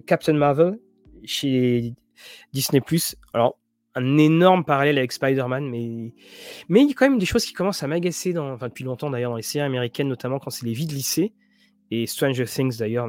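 A man's voice: medium pitch, expressive, moderate pace, no echo. A man hosting a casual show about role-playing games and series, rambling with many restarts and fillers. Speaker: tabletop RPG and series show host. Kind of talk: casual chat to viewers.

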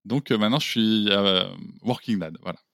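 A man's voice: on the low side, moderate pace, fairly bright tone, no echo, clean studio sound. A man in his forties from the Bordeaux area, a podcast guest talking casually with many hesitations and restarts. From Bordeaux area, France. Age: 40s. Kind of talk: casual interview chat.

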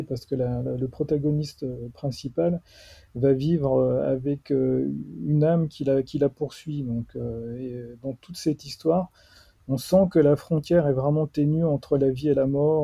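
A man's voice: fairly high pitch, creaky, warm tone, breathy edge, no room sound. A man reviewing comics in casual radio chat, hesitant with many fillers.

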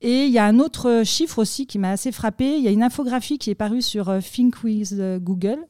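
A French-accented woman talks through content marketing on a podcast in a mellow, dark-toned voice. She leans on fillers like "euh" and "hein" as she explains. The recording is close and dry. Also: on the high side, fairly quick, dry recording. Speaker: content marketing expert guest. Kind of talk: podcast conversation.

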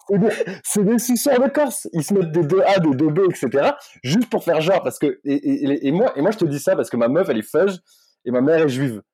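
A man's voice: a little high, expressive, a little fast, mellow, slightly rough, dry recording. A man co-hosting a comedy podcast, chatting casually, laughing often and repeating his words. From Corsica and mainland France. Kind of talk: casual chat.

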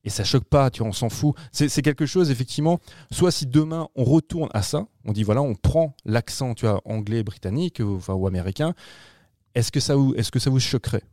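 Fast-talking slangy male film reviewer. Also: medium pitch, dry recording, studio quality. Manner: animated, slangy, swears freely, many restarts. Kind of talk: casual film-review chat.

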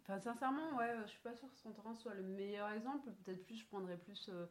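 A young woman guest in a casual podcast chat, talking hesitantly with many pauses and soft laughs. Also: medium pitch.

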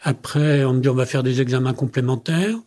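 A man's voice: medium pitch, fairly even intonation, brisk, dark tone. An older man, a company president interviewed as a guest, tells personal stories in conversation and acts out the dialogue he quotes.

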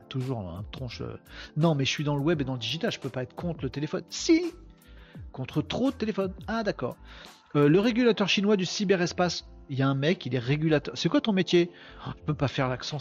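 A man's voice: a little high, highs cut off. A man hosting a daily live web podcast, joking and interrupting himself while chatting with his audience. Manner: joking, self-interrupting, talks to chat. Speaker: podcast host. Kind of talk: casual live commentary on news.

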